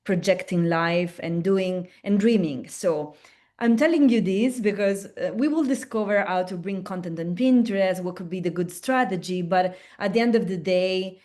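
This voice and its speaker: An Italian woman presenting at a webinar on behalf of a platform speaks in a mid-range, darkish voice at normal speed. Her Italian-accented delivery is chatty, with frequent restarts and tag questions.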